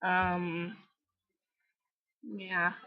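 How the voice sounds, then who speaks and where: A woman's voice: on the low side, flat delivery, extremely slow. A teenage girl from Canada with a Canadian accent, rambling chattily and self-mockingly as she comments on her game. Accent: Canadian English. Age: teens. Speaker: gaming vlogger. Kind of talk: casual gameplay commentary. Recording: slightly dull lo-fi home recording.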